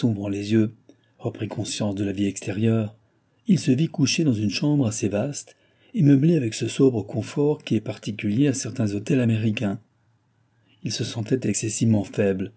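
A man narrating an adventure novel in a measured, even storytelling manner. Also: on the low side, husky. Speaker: audiobook narrator.

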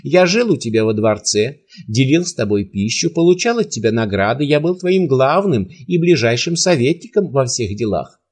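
A man's voice: mid-range voice, sing-song, moderate pace, darkish tone, slightly rough. A man voicing a bold, defiant folk hero in an audiobook, in a firm, ringing, declaiming voice.

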